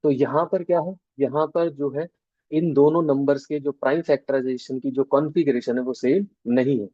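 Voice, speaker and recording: A man's voice: medium pitch, steady tone, mellow, no echo, lo-fi sound. A male maths teacher with an Indian accent, explaining an online class step by step and checking in with students often. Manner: explains step by step, drawing out key terms slowly. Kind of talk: online class lecture in mixed Hindi and English.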